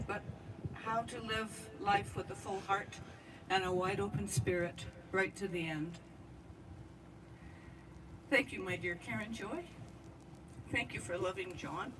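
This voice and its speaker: A woman giving a memorial eulogy at an outdoor gathering, speaking straight to her departed friend with heartfelt warmth. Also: medium pitch. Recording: distant mic with outdoor noise.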